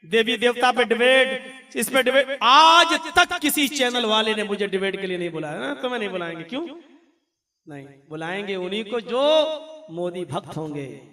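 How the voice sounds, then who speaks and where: High-voiced, animated male preacher. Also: a little slow, echoey room, recorded from a distance. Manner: animated storytelling. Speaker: Islamic preacher. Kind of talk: humorous religious speech.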